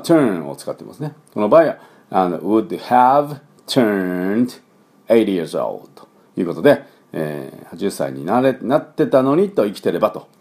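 A male English conversation teacher runs a pronunciation lesson in a relaxed, chatty style with a lilt. His fairly low voice swings up and down a lot as he slowly demonstrates sounds for learners to copy, full of fillers between the words. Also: creaky, slightly rough.

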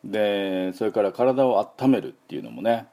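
Deep gravelly man teaching pronunciation. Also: sing-song, moderate pace, lo-fi sound. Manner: chatty, many fillers, demonstrates sounds repeatedly. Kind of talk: casual spoken lesson.

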